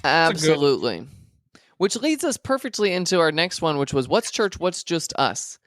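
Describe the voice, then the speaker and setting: A man's voice: on the high side, big pitch swings, moderate pace, fairly bright tone, dry recording, studio quality. A young man, a seminary student, co-hosting a casual podcast with friends, talking in a playful, easygoing way. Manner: playful, hypes things up in a mock announcer voice.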